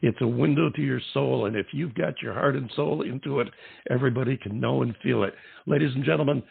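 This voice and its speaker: A man hosting an awards show interview, chatting casually with rambling asides in a gravelly, raspy voice. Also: medium pitch, a little fast, no room sound. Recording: tinny phone-like line.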